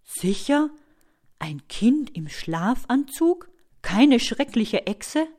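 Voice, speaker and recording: A woman's voice: a little high, very animated, very slow, darkish tone, heavily acted. A woman voicing a little old armored dinosaur. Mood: disbelieving. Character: small shy old male armored dinosaur.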